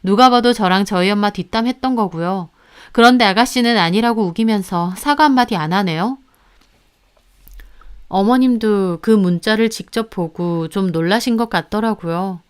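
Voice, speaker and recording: Clear-voiced woman telling her own story. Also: mid-range voice, moderate pace. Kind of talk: first-person story narration.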